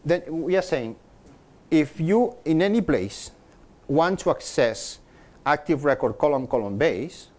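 A middle-aged conference speaker talks a little slowly in a fairly high, expressive, darkish voice. He's giving a technical talk to a meetup audience in a room with a projector screen, repeatedly restarting and doubling up words as he explains.

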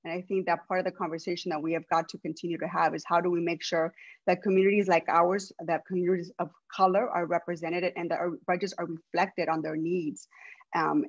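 On a video call opening an online public meeting, a Los Angeles city council president speaks earnestly, with many restarts. Spanish is her first language, her pitch is fairly low, and the recording has its highs cut off.

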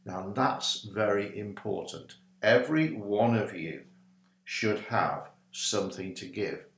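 An older minister with a fairly low-pitched voice speaks slowly in an echoey room, giving an informal, ad-libbed teaching talk to a webcam. He's in a small home study, animated and gesturing with both hands as he goes.

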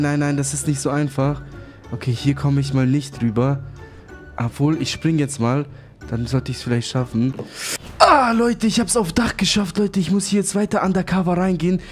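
A young man giving excitable commentary on his role-play game, repeating exclamations. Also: fairly high pitch. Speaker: gaming YouTuber.

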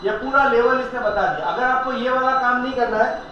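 A man shows off a laser leveler in a small tool shop, talking viewers through every step in a casual demo. His voice sits high and bounces around the room. The sound is a little dull with a faint hiss behind it. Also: brisk, pushed and bright. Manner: explains step by step, keeps telling viewers to look. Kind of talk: casual product demonstration. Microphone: handheld camera filmed by another person. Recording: echoey room, slightly dull, faint noise.

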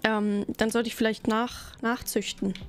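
A woman's voice: a little high, level tone, measured pace, clear, resonant tone, soft background music. A woman streaming a game, chatting playfully with her viewers while she plays. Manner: playful, chatty, talks to chat while playing. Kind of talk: casual gaming livestream chat.

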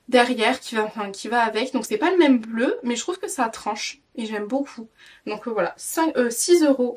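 Young woman in her 20s, tired and rambly, higher voice, sounds a bit away from the mic. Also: slightly rough, far from the mic. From France. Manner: chatty, rambling, with many fillers and restarts. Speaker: parenting vlogger. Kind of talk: casual haul vlog.

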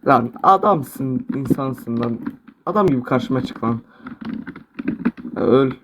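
A young man playing a shooter game, talking to himself, excitable, swearing and muttering at the action. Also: medium pitch, slow, background noise. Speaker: gamer. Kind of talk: live gameplay commentary.

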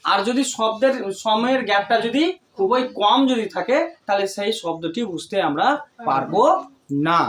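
Step-by-step explanations and frequent questions to students mark this woman tutor's lesson in a tuition classroom. She has medium pitch and a moderate pace, and the echoey room, distant mic, and faint noise color the audio.

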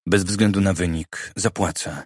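Audiobook role: male narrator voicing a demanding businessman, deep and husky, dry close sound, terse and insistent. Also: steady tone, a little slow, a little mellow, dry recording. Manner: blunt, probing questions. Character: demanding wealthy middle-aged businessman.

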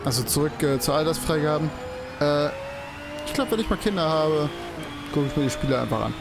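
Over game music, a young let's play host casually rambles through a racing game, exclaiming and swearing at the track. His voice is a little high, fairly quick, and creaky.

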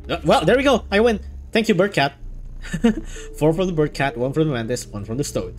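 A man playing a video game, reading its text aloud and reacting excitably as he plays. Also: on the high side, moderate pace. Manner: excitable, bursts into laughter and exclamations. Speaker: gaming YouTuber.

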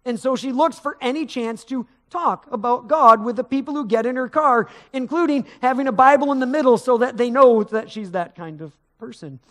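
A middle-aged man preaches a sermon in a large church sanctuary, his extremely high, fairly bright voice moving at a moderate pace with hardly any pauses. He talks conversationally, rising on points of emphasis, gesturing as he paces the stage.

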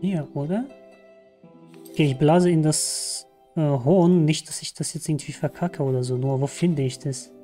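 A man commenting live on his video game, chatty and excitable, often exclaiming. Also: a little high, normal speed. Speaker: let's play gamer. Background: game music.

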